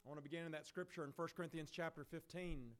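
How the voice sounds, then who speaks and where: A man with a hoarse, failing voice gives an unhurried, conversational talk before communion, with a few fillers along the way. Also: on the high side, fairly even intonation, fairly bright tone. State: hoarse, losing his voice. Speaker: preacher leading communion. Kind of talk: sermon.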